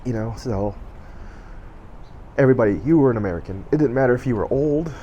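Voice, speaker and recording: A middle-aged man telling a personal story in a loose, rambling way, full of "you know" and restarts. His voice sits at an ordinary pitch and carries emotion. A faint noise hums underneath. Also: animated, fairly quick, dark tone, lo-fi sound. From Southern California. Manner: rambling, many fillers and self-corrections. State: emotional, choking up. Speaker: vlogger.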